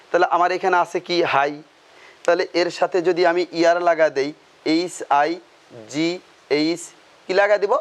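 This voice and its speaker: A man teaching a grammar lesson, asking questions and answering them himself, repeating key terms. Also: sits high.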